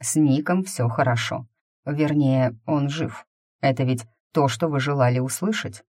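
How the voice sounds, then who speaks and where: A woman voicing a middle-aged male burgomaster who speaks calmly and reproachfully to his captive. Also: extremely low pitch, unhurried, no echo, clean studio sound. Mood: coaxing. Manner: calm, coaxing, reproachful.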